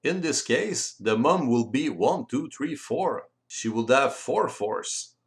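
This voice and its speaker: In an expressive, medium-pitched voice, a man whose first language is French explains board game rules in a tutorial voice-over, speaking non-native English with a French accent in a careful, deliberate way.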